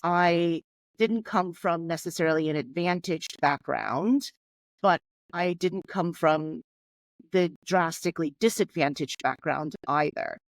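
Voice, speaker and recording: In a conversational podcast interview, a guest in her forties who comes from Hong Kong reflects openly on her life story. She speaks at a measured pace in a lowish voice, and the recording is dry.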